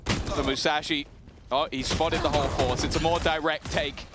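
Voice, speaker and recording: A man's voice: a little high, steady tone, fairly quick, over loud music. A man working as an esports caster, giving dramatic, emphatic live play-by-play commentary on a match.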